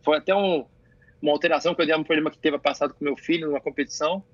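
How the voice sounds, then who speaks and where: A middle-aged Brazilian man, a jiu-jitsu coach and father, telling animated stories in casual chat, swearing freely and restarting his phrases. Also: on the high side, rapid-fire, no echo, highs cut off.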